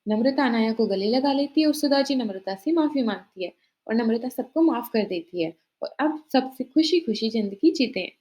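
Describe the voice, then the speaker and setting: A woman telling a family drama story in plain, even scripted narration. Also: a little high, moderate pace, muffled recording.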